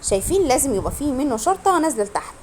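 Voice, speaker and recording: A woman with an Egyptian Arabic accent teaching a beginner German lesson online. She drills pronunciation, repeats words slowly and quizzes her students. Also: high-pitched, big pitch swings, a little mellow, slight background noise.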